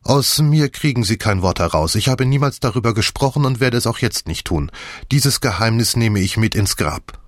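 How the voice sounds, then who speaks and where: A man's voice: mid-range voice, expressive, normal speed, no echo, clean studio sound, lightly acted. A man voicing a chatty, sentimental older woman in an audiobook, talking in a gushing way. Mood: firm. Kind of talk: audiobook character voice.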